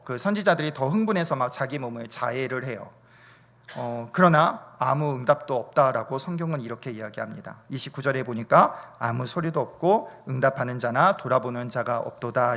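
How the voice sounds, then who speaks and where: A middle-aged man preaching a sermon in a church, emphatic, with loud fervent peaks, quiet low asides and repeated rhetorical questions. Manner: repetitive rhetorical questions and refrains. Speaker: pastor. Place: church sanctuary.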